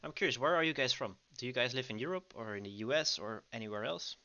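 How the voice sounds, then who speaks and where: A medium-pitched man from the Netherlands talks fast, with a bright, forceful tone and a Dutch accent. He's casually teaching trading on a livestream and chatting with viewers, full of ums and frequent "right?" check-ins, all in dull lo-fi stream audio.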